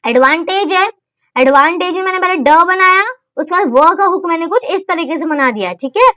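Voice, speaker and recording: A young woman explains shorthand strokes in a very high, light voice, asking her listeners "okay?" after nearly every point. She mixes English terms into her Hindi. The sound is dry and close, with no room echo. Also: moderate pace, bright, forceful tone. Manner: keeps asking "okay?" and answering her own questions. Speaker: shorthand teacher. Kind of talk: step-by-step classroom explanation.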